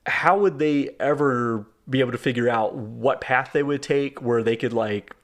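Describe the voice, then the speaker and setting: A man's voice: mid-range voice, normal speed. A man co-hosting a podcast, retelling movie scenes casually with lots of fillers and enthusiasm. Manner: enthusiastic, filler-heavy storytelling. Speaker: podcast co-host. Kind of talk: casual movie review chat.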